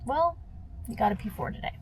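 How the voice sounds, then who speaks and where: A young woman with a high, bright-sitting voice talks straight to camera in a loose vlog ramble. She rants with plenty of fillers and curse words, dropping to low mutters then bursting out loud. A faint hum of ambience sits behind her. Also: brisk, poor audio. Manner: animated and ranting, swings from low mutters to loud outbursts; heavy filler use, frequent swearing. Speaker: vlogger. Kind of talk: casual chat to camera.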